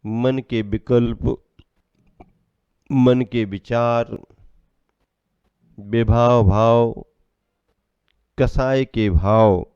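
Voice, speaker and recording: Jain monk man preaching real slow, throws rhetorical questions at you, smooth resonant voice. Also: mid-range voice, fairly even intonation, darkish tone, no echo, lo-fi sound. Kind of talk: sermon.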